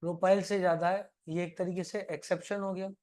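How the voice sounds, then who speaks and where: A man's voice: high voice, flat delivery, brisk, a little mellow. A man teaching a live chemistry class, chatty and playfully scolding his students as he works through problems. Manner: calls students "beta".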